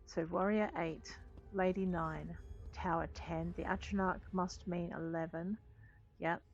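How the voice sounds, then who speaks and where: A woman's voice: fairly low pitch, steady tone, unhurried, dull audio. A woman doing casual game playthrough commentary, musing aloud and reading game text as she goes. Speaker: gaming host.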